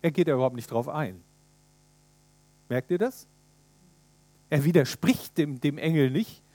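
Guy preaching, lively retelling, asks the listeners stuff, higher voice, pretty dry sound. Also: measured pace, no echo. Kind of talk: sermon.

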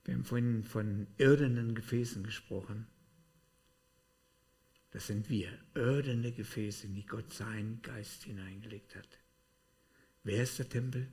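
Male preacher, sermon delivery, animated, loud-to-hushed swings. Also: fairly low pitch. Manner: animated, shifting between loud outbursts and hushed asides.

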